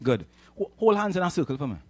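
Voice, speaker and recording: With big pitch swings and a fast pace, a man with a Trinidadian accent and a voice on the high side preaches from a church hall stage. Using a handheld microphone, he repeats himself and coaxes the crowd to agree in an animated call-and-response sermon, recorded without echo.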